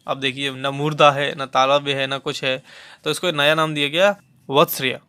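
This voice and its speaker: A man's voice: mid-range voice, level tone, moderate pace, bright, forceful tone, smooth. A man teaching a lecture on phonetics for exam preparation, patiently repeating key terms and sounding out letters to demonstrate them. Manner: patient, repeats key terms and demonstrates sounds aloud, frequent "theek hai" check-ins.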